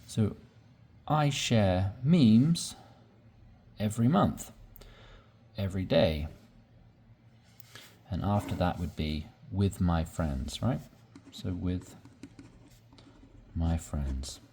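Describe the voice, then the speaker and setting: A man teaching English, slowly explaining sentence patterns and repeating examples with patience. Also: low-pitched, expressive, warm tone, slight background noise. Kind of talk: slow explanatory lesson.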